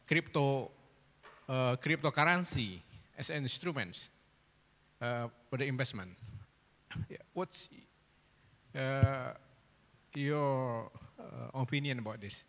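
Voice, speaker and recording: A man's voice: medium pitch, a bit bright. A man from the audience asking the speaker a question, hesitating with many fillers. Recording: reverberant hall.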